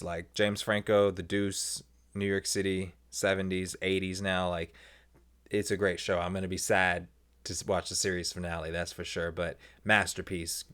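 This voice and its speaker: Male podcast host, deep voice, candid rambling monologue with animated high-pitched story moments. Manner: animated, swings into high excited tones when telling anecdotes; candid, conversational, with many fillers and asides.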